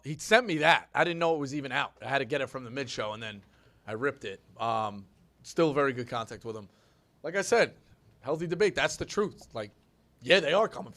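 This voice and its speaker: A man in his thirties hosting a sports talk show, animated and telling stories with acted-out quotes. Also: mid-range voice, fast talker. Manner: animated, storytelling, acts out quotes. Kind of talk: casual sports radio chat.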